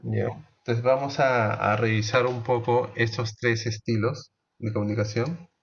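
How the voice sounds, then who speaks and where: A man teaching a class, explaining slowly, asking the students questions and restarting his sentences often. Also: medium pitch, fairly even intonation, gravelly, dull audio. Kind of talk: online class lecture.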